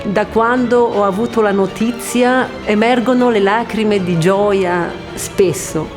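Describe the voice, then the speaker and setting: A woman's voice: mid-range voice, slow, music in the background. A woman from Switzerland who organizes dance events, speaking earnestly and with emotion in an award portrait interview. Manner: earnest, moved.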